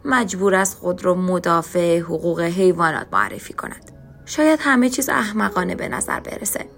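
A woman narrating a dark story in a reflective, bitter, questioning way, as scripted audiobook narration. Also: mid-range voice, gravelly. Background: faint music.

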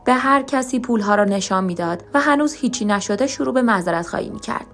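A woman narrating a story podcast in a calm, measured reading voice. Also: a little high. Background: faint music.

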